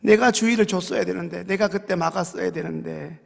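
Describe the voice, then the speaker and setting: A man's voice: sits high, brisk, gravelly, full character voice. A male pastor voicing a grieving father who tenderly blames himself and then scolds his elder son. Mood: tender grief. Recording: reverberant church sanctuary.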